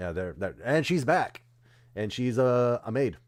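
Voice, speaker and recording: A man's voice: mid-range voice, big pitch swings, unhurried. A man co-hosting a stream, chatting casually about movie trailers and often losing track of names mid-sentence. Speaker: streamer co-host. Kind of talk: casual chat.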